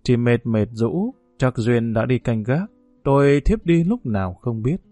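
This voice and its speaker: A man narrating a novel in a steady, unhurried storytelling manner. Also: medium pitch, dry recording, faint music behind. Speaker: audiobook narrator.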